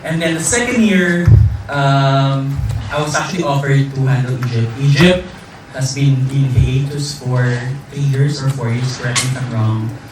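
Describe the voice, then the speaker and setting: A man's voice: medium pitch, moderate pace. A man from the Philippines, speaking earnestly at a press conference and leaning on "actually" and "you know". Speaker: pageant franchise holder. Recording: echoey hall, distant mic, crowd noise.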